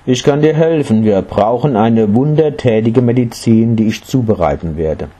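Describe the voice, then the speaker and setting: A man voicing a serene, kindly old sage in a storybook, speaking slowly and calmly. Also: mid-range voice, natural voice. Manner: slow, calm, gentle. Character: serene old male sage, calm and kind.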